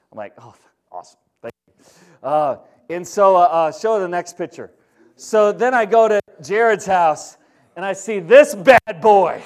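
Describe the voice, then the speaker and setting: Male pastor, high voice, animated sermon, acts out quotes. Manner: storytelling with acted-out quotes, animated.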